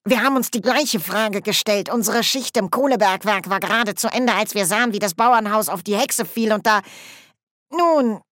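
Shy storybook dwarf miner, halting and slow , put on by a female reader, dry close sound. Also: medium pitch, fairly bright tone, dry recording, voice pushed up, natural voice. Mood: hesitant. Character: bashful, bewildered male dwarf miner.

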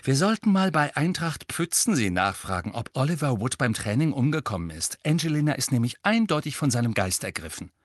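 Man voicing weary teenage boy, grumbling, mid pitch, dry. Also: sing-song, a little fast, hardly any pauses, no room sound. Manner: tired, grumbling.

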